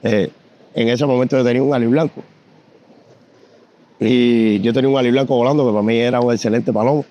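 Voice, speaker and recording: A man tells judging stories in a dark, mellow voice, stumbling through fillers and restarts as he goes. The recording has a dull, slightly lo-fi sound. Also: medium pitch, brisk, long pauses. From Cuba. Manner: animated anecdotes with frequent fillers and repetitions. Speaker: competition pigeon judge. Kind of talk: storytelling in an interview.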